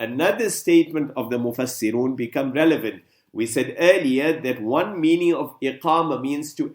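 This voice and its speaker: A man giving a religious lecture in a measured teaching style, restating key terms several times to drive each point home. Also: fairly high pitch, reverberant. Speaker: Islamic teacher.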